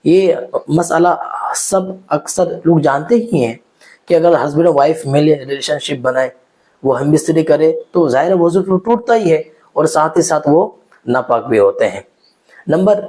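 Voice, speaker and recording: A man's voice: a little high, dark tone. A man explaining religious rules point by point, restating each in plainer words and speaking straight to the viewer. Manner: explanatory, numbered points, addresses viewer directly; repeats each rule in simpler words. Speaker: Islamic teacher. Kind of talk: religious instruction video.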